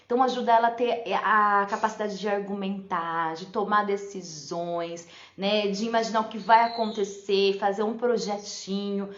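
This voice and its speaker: A woman's voice: mid-range voice, steady tone, moderate pace, few pauses. A woman teacher giving a casual live talk on teaching for parents and teachers, chatty and often checking in with "né?". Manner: chatty, often adds "né?" and laughs. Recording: echoey room, slightly dull lo-fi sound.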